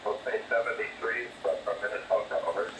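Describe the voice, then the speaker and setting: A man's voice: lowish voice, steady tone, brisk, fairly bright tone, echoey room, far from the mic. A man working as an amateur radio operator, heard through a noisy shortwave radio receiver, trading call signs and signing off each turn with "over.". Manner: brief call-sign exchange, signs off with over. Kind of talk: ham radio contact exchange.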